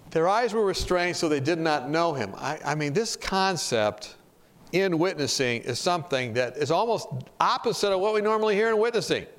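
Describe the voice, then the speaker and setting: Man preaching, animated and chatty, tells stories straight to the crowd, slightly high voice, very lively delivery. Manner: animated, conversational, speaks to the audience directly. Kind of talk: storytelling sermon.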